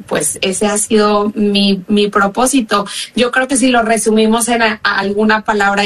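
A woman in her forties with a Mexican accent answers interview questions as a guest therapist. She talks in an earnest, conversational way, warm in tone. Her pitch sits mid-range for a woman. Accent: Mexican Spanish.

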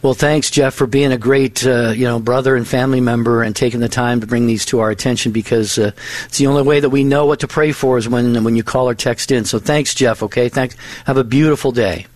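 A man's voice: mid-range voice, steady tone, fairly quick, few pauses, a little mellow, no echo. Friendly male radio co-host, dry studio sound. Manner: friendly, reassuring. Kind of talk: call-in radio talk.

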